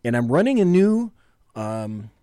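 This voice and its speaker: A man's voice: mid-range voice, big pitch swings, unhurried, dark tone, no room sound. A man co-hosting a political talk show in a small studio, chatting casually in a self-deprecating way that rambles with restarts.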